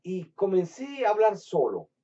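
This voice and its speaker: Man from Latin America, preacher, emphatic sermon, warm dark tone, distant dull lo-fi recording. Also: high-pitched, huge pitch swings, unhurried. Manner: emphatic preaching, swinging between loud bursts and hushed storytelling. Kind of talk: evangelistic sermon with personal testimony.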